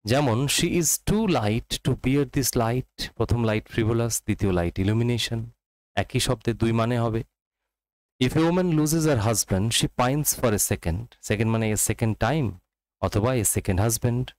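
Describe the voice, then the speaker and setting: A man with a Bengali accent teaching English literature for exams, reading quotations slowly and explaining quickly in Bengali mixed with English. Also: mid-range voice, a little mellow, dry recording, poor audio. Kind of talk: exam-prep literature lesson.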